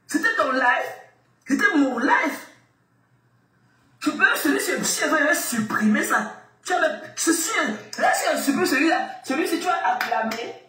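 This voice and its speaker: A woman rants on a live stream with a bright, high voice, scolding and mocking her critics. She often shouts and fires the same questions again and again. The sound is roomy, and she is heard from some distance off the mic. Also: lively intonation, normal speed. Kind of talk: angry live-stream rant.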